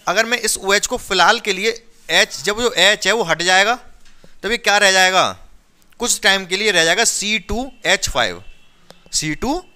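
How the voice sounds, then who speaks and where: A man's voice: high-pitched, lively intonation, a little slow, sharp tone, clear, resonant tone. A man teaching a chemistry lesson to a class, talking students through each step and constantly checking they follow. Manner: questioning, drills students with repeated checks. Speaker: science teacher.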